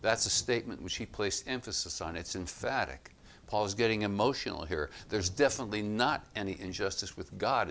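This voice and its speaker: A man giving expository Bible teaching, reading passages aloud and explaining them in a measured, emphatic way. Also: low-pitched, creaky, a bit bright, slight background noise.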